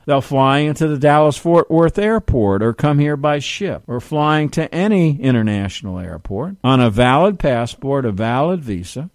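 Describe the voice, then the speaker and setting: A man's voice: mid-range voice, no echo, studio quality. A middle-aged man giving an emphatic political commentary monologue, asking rhetorical questions and addressing listeners as folks.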